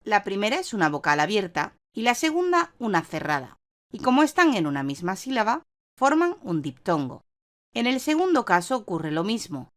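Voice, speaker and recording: A woman with a Spanish accent reading a scripted grammar lesson in a clear, measured teaching voice. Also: mid-range voice, big pitch swings, fairly bright tone. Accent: Spanish (Spain). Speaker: online course narrator. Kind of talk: scripted narration.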